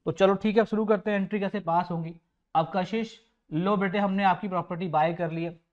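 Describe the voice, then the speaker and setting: A man's voice: sits high, fairly even intonation, brisk, lo-fi sound. A male teacher giving a classroom lecture, affectionate with his students, repeating points and quizzing the class. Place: coaching classroom.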